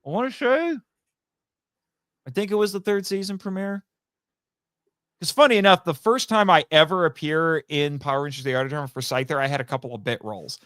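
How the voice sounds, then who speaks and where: A male voice actor guesting on a podcast speaks a little fast yet with long pauses, his slightly higher-than-average voice a bit bright and smooth. He's casual, enthusiastic, chatty and explanatory, often doubling back to correct himself. The sound is dry, with barely any room echo.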